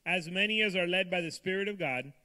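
Bright, high-pitched male sermon interpreter. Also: moderate pace. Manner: echoes the preacher phrase by phrase. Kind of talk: live consecutive interpreting of a sermon.

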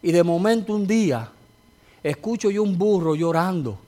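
A man's voice: high voice, lively intonation, moderate pace, dark tone. A man preaching a sermon as a pastor, telling a testimony with rising fervor.

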